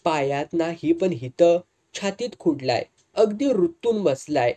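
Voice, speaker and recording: A narrator voicing a shy young village woman speaking softly in rural dialect. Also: lowish voice, animated, a little slow. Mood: bashful.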